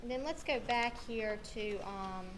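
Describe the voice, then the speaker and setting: A woman, questioning a witness in a courtroom recording, speaking in a steady, methodical way with frequent ums. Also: fairly high pitch, measured pace. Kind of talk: courtroom examination. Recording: courtroom recording with clear room noise.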